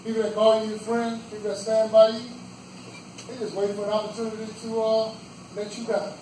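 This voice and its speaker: A man giving a campaign speech for a judicial seat in a roadhouse event room, earnest and plain-spoken, in short phrases with pauses. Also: high voice, monotone, mellow. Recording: echoey room from far off, faint background noise.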